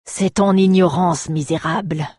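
A woman's voice: lowish voice, slow pace, darkish tone, breathy edge, no room sound, clean studio sound. A woman voicing a scheming middle-aged baron, lazy, mocking and drawling, in a storybook reading. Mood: menacing. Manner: drawling, sarcastic, turning menacing.

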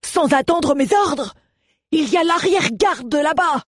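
A male narrator voicing an angry veteran cavalry general who shouts orders. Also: very high voice, expressive, a little slow, no echo, clean studio sound, voice pushed up, heavily acted. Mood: shouting angrily.

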